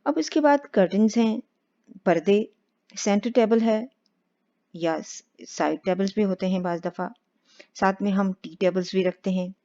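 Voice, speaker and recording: A woman teaching spoken English step by step, patient and slow on the English examples. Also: mid-range voice, mellow. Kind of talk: explaining spoken English lesson. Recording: dull lo-fi sound.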